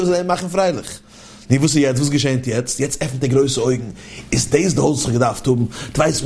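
A man gives a Torah lesson on the Psalms. He chants each verse in a lilting singsong and then explains it in a lively way. His voice sits a touch high for a man. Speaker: Torah teacher.

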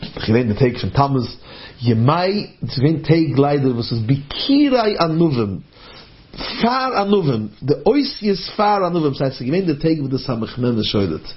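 A man preaching a sermon in a singsong, animated way, telling a story and leaping in pitch. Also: moderate pace. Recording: dull recording with faint hum.

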